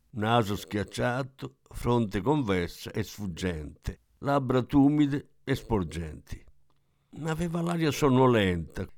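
Casting: male audiobook narrator, lively melodic reading, dry close sound. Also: mid-range voice, no echo. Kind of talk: scripted narration of a literary story.

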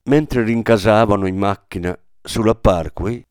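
A man narrating a novel in a scripted radio reading, measured and expressive. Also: fairly low pitch, clean tone, dry recording, clean studio sound.

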